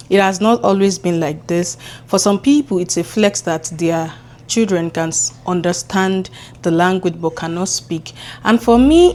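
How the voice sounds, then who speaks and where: A woman whose first language is Yoruba vlogs casually to camera from her home kitchen, sounding chatty and encouraging. Her voice is fairly low-pitched and a little mellow.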